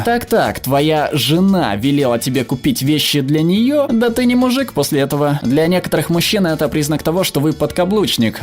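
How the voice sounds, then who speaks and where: A man reading viewer comments aloud as scripted narration, voicing the quoted people as he goes. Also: fairly high pitch.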